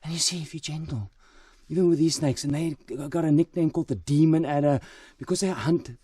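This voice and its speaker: A man presenting wildlife to camera outdoors at night, full of wonder and often dropping to a hushed, gentle voice. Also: fairly high pitch, a little fast, slightly rough, distant mic. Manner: awed, repeats exclamations of wonder. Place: outdoors at night in a forest by water.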